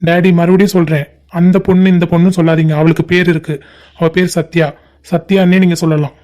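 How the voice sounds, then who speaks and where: A man plays a young cartoon son who stands up to his father, firm and defiant. The voice sits fairly high and sounds mellow. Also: flat delivery, quick pace, natural voice. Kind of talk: cartoon family drama voicing.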